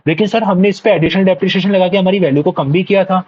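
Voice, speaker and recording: A man's voice: sits high, steady tone, fast talker, breathy edge, muffled recording. A male accounts teacher giving an exam revision lecture. He keeps checking whether the students follow, answers "yes sir" for them and repeats each key point.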